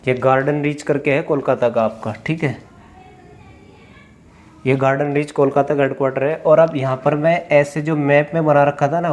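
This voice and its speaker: A man teaching a lesson, explaining step by step, asking questions and answering them himself, drawling names slowly as he writes. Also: fairly high pitch, a little mellow. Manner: drawls place names slowly while writing. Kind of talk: classroom lecture at a board. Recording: faint background noise.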